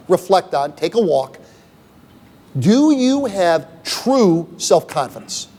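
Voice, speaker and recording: With a high-pitched, slightly mellow voice and a long reverb tail, a middle-aged man addresses a university symposium on leadership in an event room. He speaks casually, peppers his talk with "okay?" and "right?", and asks the audience rhetorical questions.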